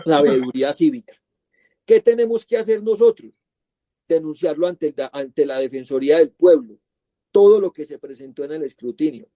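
A man's voice: on the high side, expressive, normal speed, warm tone, no room sound. A man, a guest analyst who explains electoral crimes in a lecturing way, posing rhetorical questions and checking in with "right?". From Colombia. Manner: lecturing, poses rhetorical questions, tags points with "¿cierto?". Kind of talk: explanatory interview answer.

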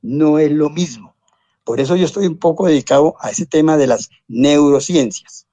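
Older Colombian man, mellow and dry. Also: on the high side, normal speed, no room sound, lo-fi sound. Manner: discursive, tag questions and exclamations, self-corrects. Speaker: lawyer and science popularizer, interview guest. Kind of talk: rambling anecdotal interview talk.

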